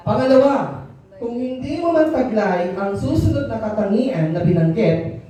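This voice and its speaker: Seminar speaker, male, high and mellow voice, playful and teasing with his audience, distant mic in a roomy hall. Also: expressive, moderate pace. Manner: playful, teasing, mixes in English. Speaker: workshop speaker for teachers. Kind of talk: joking seminar talk.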